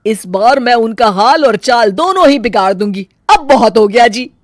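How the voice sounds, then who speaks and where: A woman's voice: fairly high pitch, lively intonation, moderate pace, dry recording, clean studio sound. Woman voicing a scheming cartoon mother-in-law. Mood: scornful. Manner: sly, mutters asides. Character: scheming middle-aged mother-in-law, sharp-tongued. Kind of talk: cartoon dubbing.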